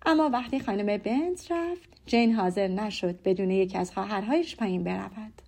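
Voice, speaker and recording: A woman narrating a classic novel as an audiobook in a calm, measured storytelling manner. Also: medium pitch, vocal fry. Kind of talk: scripted narration.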